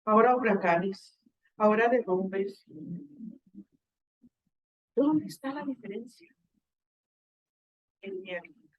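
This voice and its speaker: A woman with a Guatemalan accent giving a faith talk to a live group, lively and full of rhetorical questions to her listeners. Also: medium pitch, slow pace, long pauses, slightly rough, muffled recording. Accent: Guatemalan Spanish.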